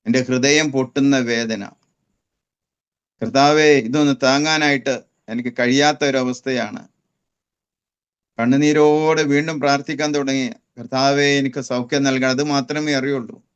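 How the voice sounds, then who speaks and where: A man's voice: medium pitch, fairly even intonation, normal speed, clear, resonant tone, muffled recording. A man from Kerala giving an impassioned religious testimony, his voice climbing into fervent prayer. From Kerala, India. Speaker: testimony speaker.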